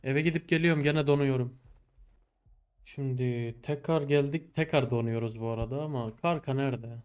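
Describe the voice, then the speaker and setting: A man's voice: medium pitch, normal speed, clear, resonant tone. Exasperated young man narrating his game. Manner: exasperated, talks to the game and his animals, swings from mutters to loud outbursts. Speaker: gameplay streamer. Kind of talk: casual gameplay commentary.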